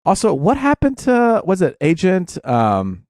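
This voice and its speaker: A man's voice: sits high, huge pitch swings, measured pace, a little mellow, dry recording, studio quality. A man hosting a podcast in casual chat, steering the rundown in an upbeat way. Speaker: podcast host.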